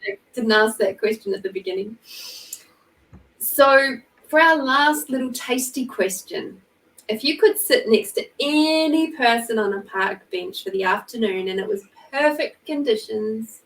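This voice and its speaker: A woman hosting a podcast who asks questions in a relaxed, giggly way. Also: fairly high pitch, measured pace. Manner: warm, giggly, leisurely questioner. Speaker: podcast host. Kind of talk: casual interview. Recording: voice from far off the mic.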